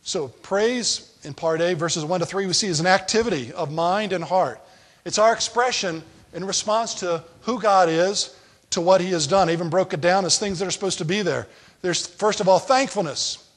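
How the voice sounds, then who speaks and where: Husky-voiced man preaching a sermon. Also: high voice, normal speed. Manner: conversational preaching with rhetorical questions to the congregation. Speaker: pastor.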